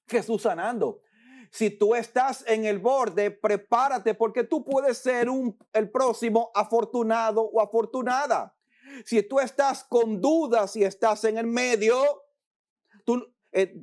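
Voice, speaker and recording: A male preacher with a Dominican Spanish accent delivers a sermon in a high voice. He talks slowly and deliberately. He swings between acted-out frantic complaints and a soft, calming hush. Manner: dramatic, acts out worried people, drops to soft hush.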